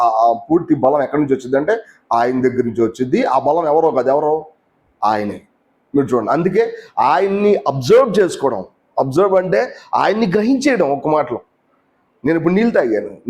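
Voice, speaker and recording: A man's voice: sits high, darkish tone. A man preaching a teaching sermon in a conversational way, often asking the listeners questions and mixing in English words.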